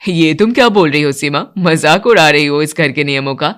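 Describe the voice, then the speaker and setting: Woman doing a young husband, deepened voice. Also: moderate pace, fairly bright tone. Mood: mild. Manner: lowered voice for a man. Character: young husband, mild and dutiful.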